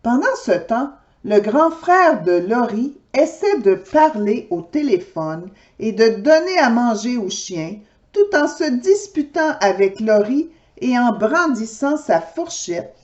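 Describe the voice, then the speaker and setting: Slow, animated storyteller woman. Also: on the high side, highs cut off. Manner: lively, slow and expressive, talking directly to children. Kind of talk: children's storybook read-aloud.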